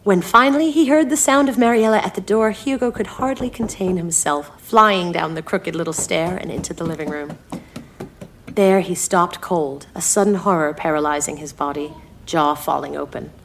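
A woman reading her own short story aloud in an expressive storytelling style, shifting her tone for suspense. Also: fairly low pitch, normal speed, slight background noise.

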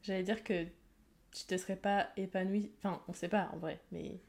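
A woman's voice: medium pitch, fairly even intonation, normal speed, gravelly. A young woman from France hosting a podcast, chatting casually and prompting her guest with encouraging follow-up questions. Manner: warm-hearted, encouraging interviewer asking follow-ups. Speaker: podcast host. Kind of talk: casual chat.

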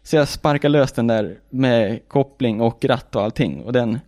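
A medium-pitched man, recorded in studio quality with no echo, is a racing driver guest telling a racing story over casual conversation. His delivery is lively, full of shouted and laughing reenactments of his own reactions. He swears without restraint and repeats "liksom" and "jag bara" often.

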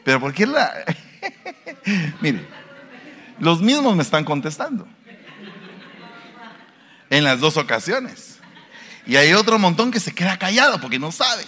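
Pastor guy preaching, asks the crowd stuff, bright voice, echoey church hall. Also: a little high, very animated, measured pace, long pauses. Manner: preaching, asks the congregation questions. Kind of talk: sermon.

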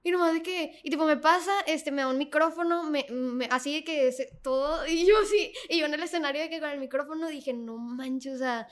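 A young woman telling a story as an interview guest, animated, laughing often and full of fillers. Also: high-pitched, a little fast, few pauses. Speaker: guest singer. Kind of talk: casual storytelling.

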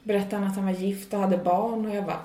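A young woman co-hosting a casual podcast chat, telling stories with lively, acted-out asides. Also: medium pitch. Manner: animated, acts out her own reactions in quoted asides. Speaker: podcast co-host. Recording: echoey room.

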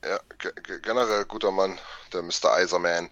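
A man hosting a casual German-language podcast chat, often chiming in with quick affirmations. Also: deep voice, no echo. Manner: relaxed, quick affirming interjections. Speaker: podcast host. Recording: dull, dry home mic.

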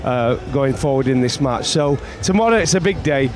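A man's voice: medium pitch, lively intonation, moderate pace. A man giving conversational cricket analysis as a pundit, often repeating his opening words as he reasons.

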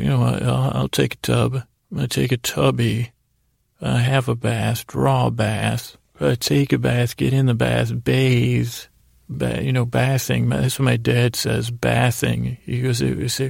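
A middle-aged man with a gravelly, creaky voice hosts a sleep podcast, rambling through a halting, silly bedtime monologue with absurd asides that repeats itself and trails off mid-thought. He's close on the mic, medium in pitch, a little mellow, with no echo.

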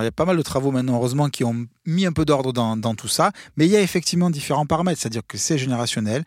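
A man speaking as a guest expert in an interview, explaining in a brisk, emphatic way. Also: medium pitch, no room sound, studio quality. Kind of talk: interview talk.

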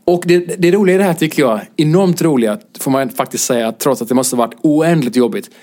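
Male podcast co-host from Sweden, lively storyteller, mid-high voice. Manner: animated storyteller who acts out quoted voices and laughs often. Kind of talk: casual chat and anecdote telling.

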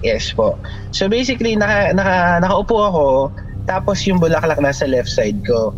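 A man explains his side in a casual chat, halting and restarting as he mixes languages. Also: high-pitched, sing-song. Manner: halting, restarts often, mixes Tagalog and English. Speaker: guest storyteller. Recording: dull lo-fi audio with faint noise.

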